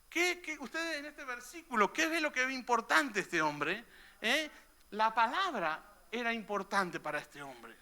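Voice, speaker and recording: Male pastor, very high, sharp, bright voice; chatty sermon full of "eh?" tags. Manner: conversational preaching, frequent "¿eh?" tags. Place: church hall.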